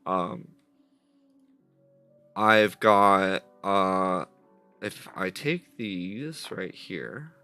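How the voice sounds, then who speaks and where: A man streams live while building a game model, chatting casually and rambling with constant self-corrections, while soft jazz plays in the background. His deep, smooth voice sounds slightly stuffy through a headset mic, and he talks very slowly with long pauses.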